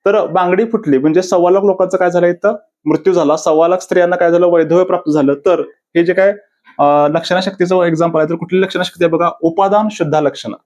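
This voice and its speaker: An exam-prep teacher with a fairly high, slightly mellow voice gives a classroom-style video lecture, drilling exam answers. He quizzes himself repetitively in question-and-answer drills and delivers quoted verses in a drawn-out, deliberate way.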